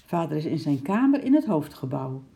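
A narrator voicing a brisk, caring mother giving her daughter an errand. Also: mid-range voice, sing-song, creaky, dark tone.

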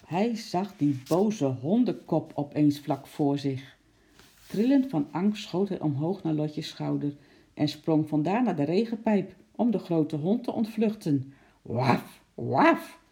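A reader telling a children's story in a steady, unhurried way. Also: mid-range voice.

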